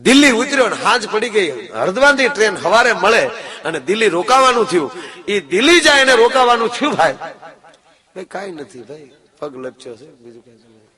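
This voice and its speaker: Bright-voiced folk storyteller man. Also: sits high, fairly quick. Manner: lively, talks straight to the audience. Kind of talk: live humorous folk storytelling.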